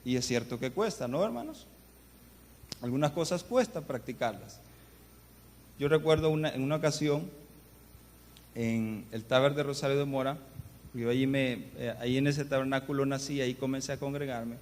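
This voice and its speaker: Pastor preaching in an echoing hall. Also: male voice, mid-range voice, moderate pace, pauses often. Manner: earnest storytelling, addresses the congregation often. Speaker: guest pastor. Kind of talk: sermon. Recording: long church reverb, faint background noise.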